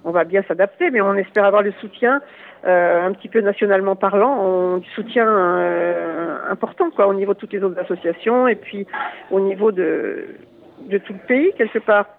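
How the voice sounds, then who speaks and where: Halting man on a tinny phone line. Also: high voice, gravelly. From Lyon area, France. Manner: hesitant, halting, many fillers and restarts. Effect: heard over a phone line. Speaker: phone-in guest. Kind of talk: radio phone interview.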